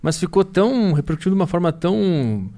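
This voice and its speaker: Higher-voiced man asking questions. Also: big pitch swings, a little fast, mellow. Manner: laughs often while asking questions. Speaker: podcast host. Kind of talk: casual interview talk.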